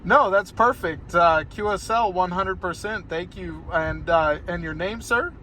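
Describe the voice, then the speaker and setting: An American amateur radio operator with a high-pitched, unhurried voice chats casually and rambles a little during a ham radio conversation. He's sitting inside a car parked outdoors on a hillside, with crowd noise in the background.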